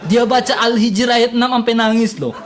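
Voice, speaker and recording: A man's voice: very high voice, fairly even intonation, fairly quick, background noise. A man hosting a live-stream chat, teasing his guest in a mock-preachy way.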